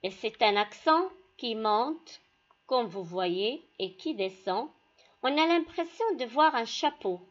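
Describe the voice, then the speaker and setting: A woman teacher walks pupils through a lesson at a slow, careful pace. Her voice sits a little high and moves through a wide, lively range of pitch. The recording is dull and lo-fi. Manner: slow, deliberate, addresses pupils directly. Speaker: primary school teacher. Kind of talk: classroom lesson.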